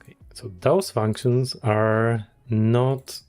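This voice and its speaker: Male developer in his thirties, middle-pitched, talks slowly, halting and thinking aloud on stream. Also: flat delivery, a little mellow, smooth, faint music behind. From Poland. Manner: hesitant, restarts often, chuckles, thinking aloud. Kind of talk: casual livestream chat.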